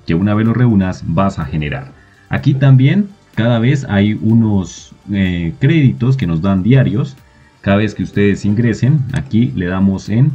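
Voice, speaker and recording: Deep dark-voiced man walking through an app. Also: breathy edge, lo-fi sound. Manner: walks through an app on screen, reading its texts aloud. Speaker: video host. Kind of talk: screen-recorded app tutorial.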